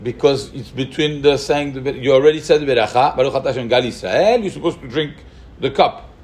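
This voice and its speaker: A man's voice: mid-range voice, fairly quick, a little mellow. A man teaching a halachic lesson, thinking aloud with rhetorical questions and mixing Hebrew terms into his English. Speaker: Torah teacher. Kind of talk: halachic lecture.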